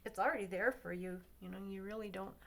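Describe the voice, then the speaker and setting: A woman's voice: mid-range voice, fast talker, creaky, a little hiss or hum. Woman narrating a coloring demo, thinking aloud. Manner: relaxed, thinking aloud, drops to near-whispers at times. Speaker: craft tutorial host.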